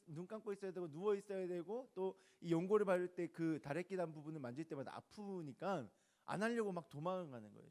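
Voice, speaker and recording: Animated man giving a youth sermon. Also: high voice. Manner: lively, swings between loud emphasis and soft hushed asides; conversational, asks the listeners questions. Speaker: youth pastor.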